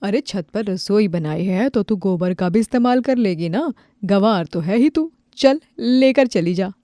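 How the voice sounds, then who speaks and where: A woman's voice: mid-range voice, expressive, a little slow, warm tone, dry recording, studio quality, natural voice. A woman doing a rude bossy neighbor. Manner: insulting, bossy.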